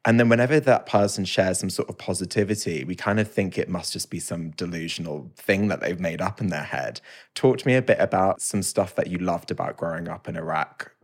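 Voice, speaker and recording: A man with a fairly low voice hosting a podcast interview. He asks questions and keeps the talk playful, with frequent laughter. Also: fairly quick. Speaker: host.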